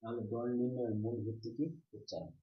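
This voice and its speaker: A man's voice: medium pitch, fast, a little hiss or hum. Male teacher, repetitive question-and-answer delivery, echoey, slightly muffled recording. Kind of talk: online grammar lesson. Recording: roomy, slightly dull recording.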